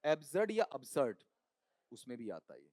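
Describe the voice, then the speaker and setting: A man's voice: medium pitch, wildly swooping pitch, moderate pace, a little mellow, dry recording, studio quality. A man teaching an exam coaching class, quizzing students with call-and-response questions. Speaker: English teacher.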